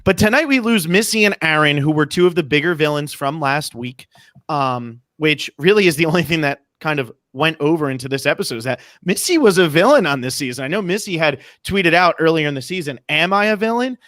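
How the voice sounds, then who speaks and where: A man with a high-pitched voice hosting a casual, chatty TV recap podcast. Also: expressive, brisk, a bit bright, dry recording, studio quality. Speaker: podcast host.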